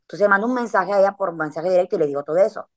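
A woman's voice: medium pitch, rapid-fire. A woman, chatting casually as a podcast guest and telling a story in a slangy way, with frequent filler words.

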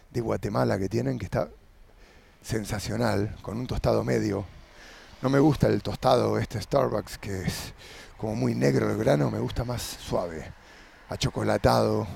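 A man with an Argentine accent, hosting a podcast as a casual monologue while riding a bicycle outdoors, thinking aloud with pauses mid-phrase. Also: medium pitch, vocal fry, a little mellow, slightly rough. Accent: Argentine Spanish. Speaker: podcast host.

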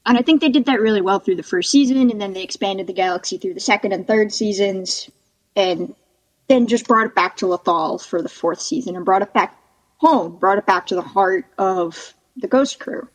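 A woman's voice: mid-range voice, normal speed, poor audio. A woman guest on a casual podcast, talking as an enthusiastic fan.

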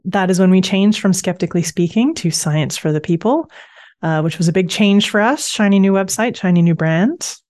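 A woman's voice: mid-range voice, moderate pace, darkish tone. A woman podcast host chatting casually and looking back in a conversational way. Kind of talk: casual reminiscing podcast chat.

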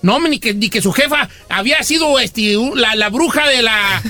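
A man's voice: extremely high pitch, expressive, moderate pace, pushed and bright. A man hosting a radio show, telling jokey stories with exaggerated, theatrical delivery. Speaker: radio host. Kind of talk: comedic radio banter. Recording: music playing behind.

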